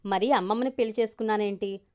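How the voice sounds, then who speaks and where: A woman's voice: medium pitch, fairly even intonation, fast talker, dark tone, close to an everyday voice. A woman reading as a teasing husband. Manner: teasing, light. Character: playful husband, teasing man.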